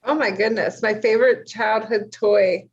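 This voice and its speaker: A woman's voice: medium pitch, steady tone, normal speed, muffled recording. A woman guest on a podcast, a teacher, chatting in a self-mocking way. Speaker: guest, math educator. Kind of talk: casual podcast interview.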